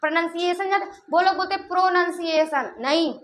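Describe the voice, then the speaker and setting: Very high-voiced woman teacher quizzing pupils. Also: fast, fairly bright tone, slight background noise. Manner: keeps quizzing pupils, repeating answers back; playful teasing asides. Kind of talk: classroom lesson with call-and-response. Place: classroom with pupils.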